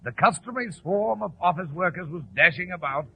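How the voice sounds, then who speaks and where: An actor playing a genial, courteous gentleman doctor telling stories from his memoirs in 1940s radio style. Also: high-pitched, animated, creaky, slightly rough, exaggerated voice. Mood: storytelling. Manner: genial, courteous, measured storyteller. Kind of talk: 1940s radio acting, storytelling narration. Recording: tinny, noisy old radio recording.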